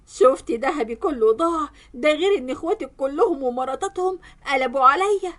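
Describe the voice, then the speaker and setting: A woman's voice: high voice, expressive, fast talker, fairly bright tone. A woman voicing a scheming, greedy older Egyptian mother-in-law who cries out indignantly. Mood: complaining. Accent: Egyptian Arabic.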